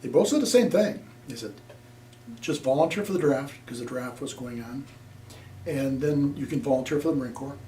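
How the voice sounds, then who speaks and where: Recorded in an echoey room through a distant mic with faint background noise, an older veteran from Nebraska, USA, gives an oral history interview. He speaks at normal speed in a warm, mid-range voice, plainly and ramblingly, with many fillers.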